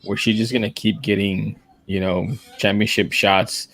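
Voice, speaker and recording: A fairly low-pitched man at normal speed co-hosts a podcast, talking fights in a relaxed way. He keeps dropping "man" and "dude," stays animated and acts out the lines he quotes.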